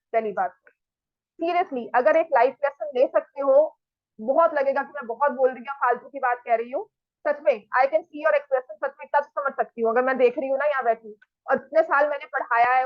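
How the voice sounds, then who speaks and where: A high-voiced woman teaches maths to a class and keeps checking that the students follow. She scolds the students firmly and talks straight to them. The sound is dry and a little dull, like a lo-fi recording. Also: dry recording.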